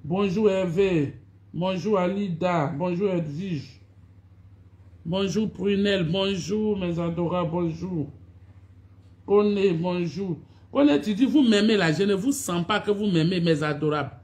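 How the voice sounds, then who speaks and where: A woman's voice: on the low side, unhurried, a little mellow. A woman talks on a phone live stream, greeting her followers over and over and scolding them for not showing up. She sounds repetitive and reproachful. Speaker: online video personality hosting a live stream.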